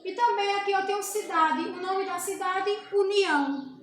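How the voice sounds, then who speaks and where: A woman's voice: very high voice, steady tone, moderate pace. A woman teaching a grammar lesson to children, patiently explaining and answering her own questions. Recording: echoey room with clear background noise.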